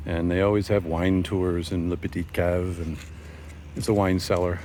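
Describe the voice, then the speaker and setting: A man narrating a casual walking tour of an old fortress outdoors, rambling with many pauses and fillers, recorded on a handheld camera mic. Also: sits low, flat delivery, slight background noise. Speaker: tour guide vlogger.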